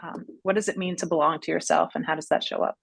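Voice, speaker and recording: A woman co-hosting a podcast with a low-pitched voice. She frames her questions thoughtfully and gently. The recording is dry and close. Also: steady tone, fast talker, creaky, husky, dry recording. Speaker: podcast co-host. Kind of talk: conversational podcast interview.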